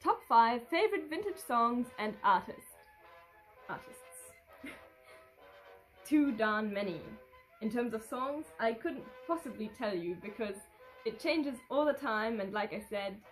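Poor audio with faint background music captures a vintage fashion vlogger, a native German speaker in her twenties, answering fan questions off the cuff after reading them aloud. Her slightly high voice is expressive and slow-paced, and she's sitting in a living room with a red curtain and sofa.

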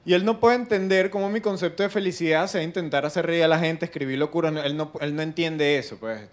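A young man with a Venezuelan accent doing a stand-up comedy routine, animated and acting out other people's voices. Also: fairly high pitch, fast talker. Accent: Venezuelan Spanish. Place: live comedy stage with audience.

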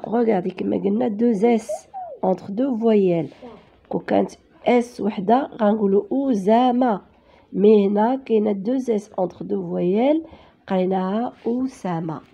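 Slow, patient woman teacher, Moroccan accent. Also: mid-range voice, vocal fry, husky, muffled recording. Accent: Moroccan Arabic. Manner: slow, patient, spells sounds out letter by letter. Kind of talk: reading lesson for children.

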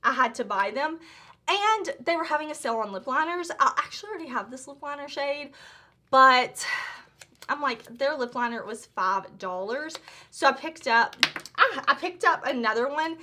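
Woman, beauty vlogger, high voice, bright tone, gushing casual chat, lots of "like". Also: expressive, moderate pace, slight background noise. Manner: gushing, chatty, full of "like" and restarts.

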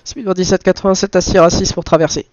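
A man with a high voice commentates a flight simulator session as the pilot. He mutters to himself between radio calls. The sound is close and dry, slightly dull. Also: level tone, fast, darkish tone, no room sound. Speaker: flight simulator streamer playing airline pilot. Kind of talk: live commentary mixed with aviation radio calls.

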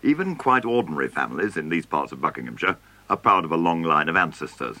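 A man giving measured, scripted narration for a television documentary. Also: deep voice, sing-song, sharp tone.

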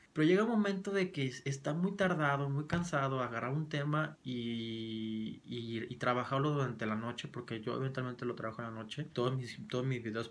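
A man's voice: medium pitch, creaky, fairly bright tone. A man in his twenties with a Mexican accent, talking casually and rambling to his vlog audience with lots of slang. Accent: Mexican Spanish. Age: 20s. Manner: rambling, slangy, self-deprecating. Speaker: vlogger.

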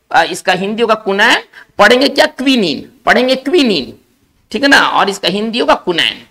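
Slowly explaining in Hindi, a man leads a recorded lesson on how English words are spelled and what they mean, going step by step and regularly checking understanding with "isn't it?". His voice is high and creaky, fairly bright in tone.

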